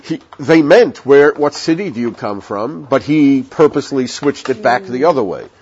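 A Torah teacher with an animated, mid-range, darkish voice gives a recorded class at a moderate pace. He talks conversationally, wandering into digressions and telling jokes along the way. The audio is dull and lo-fi, with faint hiss.

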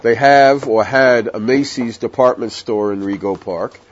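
A man's voice: mid-range voice, measured pace. A man giving a recorded Torah class in a conversational, digressive way, telling jokes along the way. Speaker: Torah teacher. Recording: dull lo-fi audio with faint hiss.

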